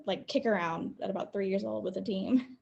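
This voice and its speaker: Gravelly, upbeat young woman. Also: mid-range voice, brisk, darkish tone, muffled recording. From United States, the South. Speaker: guest, football player. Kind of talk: casual interview over a video call. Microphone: video call.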